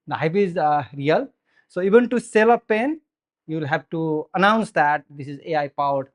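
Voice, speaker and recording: Nepali-accented man giving a tech talk. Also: a little high. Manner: earnest, explanatory, frequent "so" and "uh" fillers. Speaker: software engineer giving a meetup talk. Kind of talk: conference tech presentation. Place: meetup room with audience, indoors. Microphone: handheld microphone.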